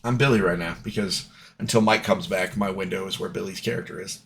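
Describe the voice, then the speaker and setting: A man running a tabletop game as dungeon master over a voice call, narrating in a halting, playful way with many fillers. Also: deep voice, fairly even intonation, creaky, noisy background. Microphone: voice call mic.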